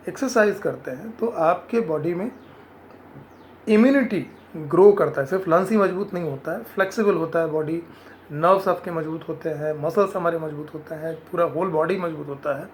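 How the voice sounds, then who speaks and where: A man's voice: on the high side, slight background noise. A man from India giving earnest health advice in an informal explanatory talk, slipping English phrases into his speech.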